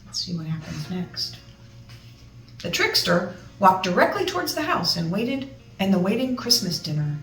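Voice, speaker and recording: A woman's voice: on the low side, big pitch swings, moderate pace, a bit bright. A woman reading a children's storybook aloud expressively, with chatty asides to her listeners. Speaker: storybook reader. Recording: roomy, distant mic, music behind.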